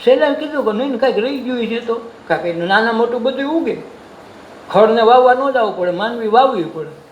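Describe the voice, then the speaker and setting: A man's voice: very high voice, animated, brisk, muffled recording. A man with a Gujarati accent giving a devotional sermon, folksy, asking questions and answering them himself. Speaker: satsang preacher. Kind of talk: devotional sermon with sung verses. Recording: echoey room with faint noise.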